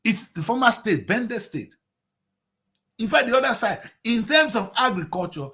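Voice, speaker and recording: A man in his late fifties with a Nigerian accent, giving impassioned political commentary on TV, firing off rhetorical questions and swinging between shouting and low mutters. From Nigeria (Delta State). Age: 50s.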